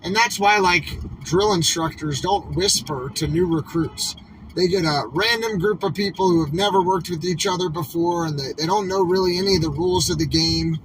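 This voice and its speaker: Riding in a moving vehicle, a convoy livestreamer chats casually, rambling, emphatic and leaning hard on "like." His voice is high and fairly bright at a normal speed, captured by a distant mic with obvious road noise.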